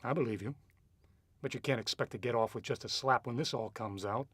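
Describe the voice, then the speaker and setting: Playing a cynical, shrewd detective in a noir radio drama, a man narrates and asks questions in a cool, probing way. His voice is medium in pitch, brisk, husky and a bit bright, with no room sound.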